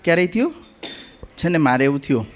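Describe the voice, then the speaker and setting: A middle-aged man with a Gujarati accent tells humorous anecdotes to a gathering. His voice sits high for a man, and he builds each story toward its punchline. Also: very animated, fast. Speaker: comic speaker at a spiritual gathering. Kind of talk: humorous anecdotes told to an audience.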